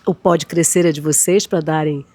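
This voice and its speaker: A woman's voice: deep voice, steady tone, normal speed, a little mellow, dry recording. A Brazilian woman hosting a podcast interview, effusive and welcoming as she introduces her guests. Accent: Brazilian Portuguese. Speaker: podcast host, school director.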